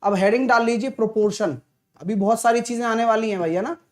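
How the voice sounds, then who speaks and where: A male maths teacher with a sore throat, giving a live online class in a soft voice and clearing his throat often. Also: high voice, fast talker. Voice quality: clears throat often, talks softly to spare it. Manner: chatty, teasing, answers viewers' comments.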